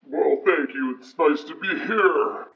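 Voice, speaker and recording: A man playing a jolly old Santa Claus in a podcast interview, with a booming ho-ho-ho laugh. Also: vocal fry. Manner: booming ho-ho-ho laugh, slow and warm. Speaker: interview guest from an archive recording. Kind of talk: phoned-in interview. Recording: dull lo-fi call audio.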